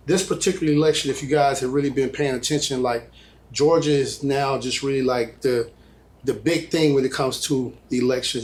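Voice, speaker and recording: A man hosting a panel discussion, asking questions in a loose way and often saying "like" and "just". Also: medium pitch. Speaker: panel host.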